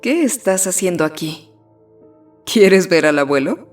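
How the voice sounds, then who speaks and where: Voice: mid-range voice, big pitch swings, unhurried, distant mic, faint music behind, voice pushed up. A sarcastic scolding aunt, as the narrator puts her on.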